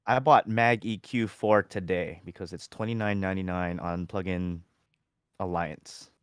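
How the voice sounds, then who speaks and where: A man's voice: sits low, fairly even intonation, a little slow, smooth, dry recording, clean studio sound. A man co-hosting a casual music producers' chat over a video call, easygoing and telling stories with stumbling restarts. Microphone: home mic on video call.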